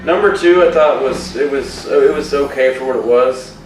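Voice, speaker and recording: A man's voice: mid-range voice, fairly even intonation, moderate pace. A young man co-hosting a podcast, talking casually about horror films with lots of fillers and swearing. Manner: rambling, swears a lot, many fillers. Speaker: podcast co-host. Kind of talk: casual chat. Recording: echoey room, far from mic, faint music.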